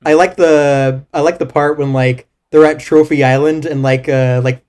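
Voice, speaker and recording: A man in a casual conversation about movies, talking loosely and searching for words as he goes. His voice sits a little high for a man. He fills gaps with lots of fillers and restarts. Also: fairly even intonation, moderate pace, a little mellow, smooth. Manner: rambling, hesitant, many fillers and restarts. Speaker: co-host.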